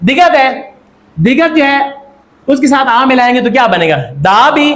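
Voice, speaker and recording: Man, Pakistani accent, high-pitched voice, classroom lecture, asks questions and repeats the answers. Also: lively intonation, a little slow, a bit bright. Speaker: Korean language teacher.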